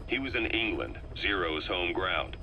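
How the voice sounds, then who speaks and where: This male intelligence operative, shrewd and calculating, sets out a situation in a video game tape with a low, measured, earnest delivery and a sharp, forceful tone. He's expressive, though the recording is rough and carries a faint hiss.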